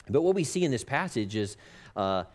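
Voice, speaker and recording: A man preaching a sermon at a pulpit microphone, earnest and halting with frequent filler pauses. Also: medium pitch. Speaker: pastor. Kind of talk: sermon with scripture reading.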